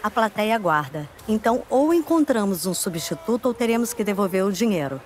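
An actress playing a sly, breezy, daring circus performer in a dubbed video game. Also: female voice, mid-range voice, big pitch swings, a little fast, a little mellow, a little hiss or hum, lightly acted. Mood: wry, persuasive.

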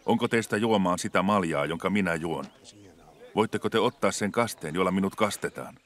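A man voicing a calm grown male teacher and healer in dubbed film dialogue, speaking in an earnest, measured way. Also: sits low. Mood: gentle. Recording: music playing clearly under the voice.

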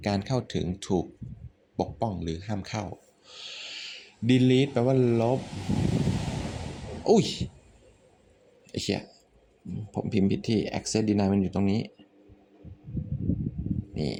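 A man with a Thai accent, teaching English vocabulary in a relaxed way, thinking out loud and swearing offhandedly. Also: fairly low pitch, takes it slowly, gravelly, long pauses, a little hiss or hum. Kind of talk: casual spoken vocabulary lesson.

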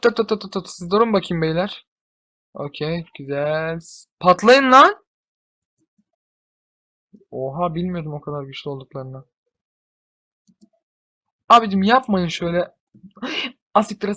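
A young man giving casual gameplay commentary, excitable, often swearing and shouting at his units. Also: a little high. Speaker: gamer.

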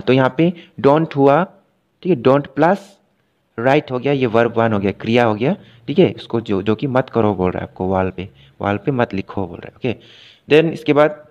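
Patient male teacher, slow examples. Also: mid-range voice, darkish tone, lo-fi sound. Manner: patient, repetitive explaining, checks in often; reads English examples slowly, then translates them. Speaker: English grammar teacher. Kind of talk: recorded class lesson.

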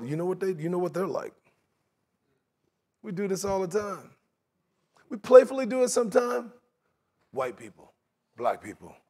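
Animated man preaching in a church. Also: high-pitched, husky. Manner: animated, conversational, mock voices for examples. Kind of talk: sermon. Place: church sanctuary, large indoor hall.

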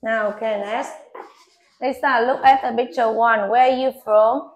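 A woman English teacher with a Vietnamese accent, giving an oral speaking test in a classroom with brisk short prompts and corrections. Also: fairly high pitch, steady tone, dull audio. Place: classroom, off camera.

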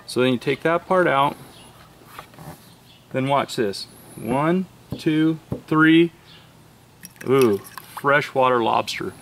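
A man casually demonstrating how to shell crayfish, talking quickly and animatedly as he explains each step. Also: a little high.

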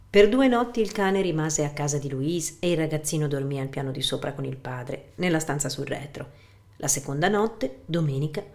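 A woman reads a novel aloud with a low voice and a steady, measured pace. The narration is calm and literary. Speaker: audiobook reader.

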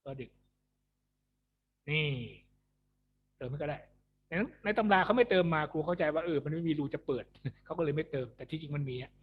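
A man's voice: a little high, moderate pace, long pauses, narrow, tinny audio, a little hiss or hum. A man teaching a music lesson, chatty and joking, laughing at his own jokes. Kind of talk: recorded online lesson. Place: alone in an empty school building.

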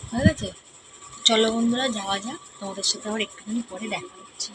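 A woman's voice: fairly high pitch, fairly even intonation, racing, noisy background. A woman with a Kolkata Bengali accent chatting casually to her viewers in a vlog, confiding and often calling them friends. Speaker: vlogger.

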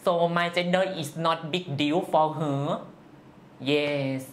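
With a Thai accent and faltering, simple English, a northeast Thai interviewee shares personal answers in a steady, medium-pitched voice.

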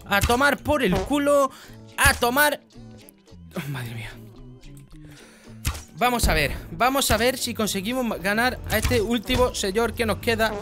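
A man doing live gameplay commentary, talking to himself, swearing, and swinging between loud outbursts and low mutters. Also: lively intonation, a little slow, pauses often. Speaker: gaming YouTuber. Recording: game music playing loud behind the voice.

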